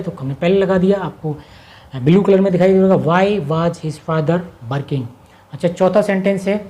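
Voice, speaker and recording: A woman gives an English grammar lesson in Hindi in a mellow, fairly low voice. She keeps asking herself a question and answering it. Each English example comes out slowly, word by word, as if for dictation. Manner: slows right down to dictate English sentences word by word. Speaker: English teacher.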